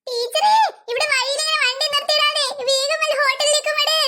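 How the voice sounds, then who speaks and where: A woman's voice: extremely high pitch, steady tone, fairly quick, bright, forceful tone. A woman voicing a desperate little schoolboy in a cartoon, urgent and pleading. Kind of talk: cartoon voice acting.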